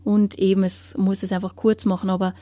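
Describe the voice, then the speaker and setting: Earnest woman, soft and dry. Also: mid-range voice, little pitch movement, a little fast, no room sound. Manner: earnest, searching, often dropping to a hushed whisper. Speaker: interviewee. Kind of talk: personal faith testimony.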